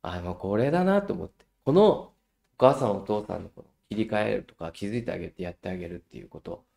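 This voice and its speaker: A middle-aged man giving a lively parenting lecture, telling anecdotes and acting out children's voices. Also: on the low side, fast, gravelly. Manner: animated storyteller who acts out children's voices.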